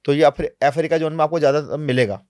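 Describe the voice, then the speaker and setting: A man being interviewed on a podcast, telling travel stories in a lively, animated way, sometimes dropping to low, quiet asides. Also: fast talker, dry recording, clean studio sound. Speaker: travel vlogger guest. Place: podcast studio.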